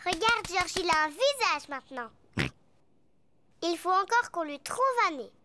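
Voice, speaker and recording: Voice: very high voice, lively intonation, measured pace. A performer voicing a cheerful, chatty little girl pig in a children's cartoon, childlike, eager and polite. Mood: playful. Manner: eager, polite and simply phrased.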